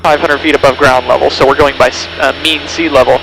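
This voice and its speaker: Creaky-voiced male pilot on cockpit radio. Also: mid-range voice, flat delivery, quick pace, fairly bright tone. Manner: instructional, step-by-step cockpit commentary. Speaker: pilot demonstrating pattern work. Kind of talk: pilot over the radio, talking through each step of flying. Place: small plane cockpit in flight. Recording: noisy aircraft cockpit headset radio audio. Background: engine drone and radio noise.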